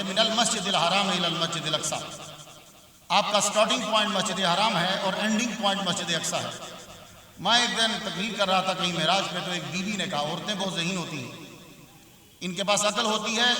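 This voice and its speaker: High, bright-voiced preacher in an echoing hall. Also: male voice. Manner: emphatic, asks the audience questions and answers them; rises to loud, forceful bursts. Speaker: religious scholar giving a speech. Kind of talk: Urdu religious sermon to a live audience. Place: large hall at a community event. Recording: echoey hall, voice from far off.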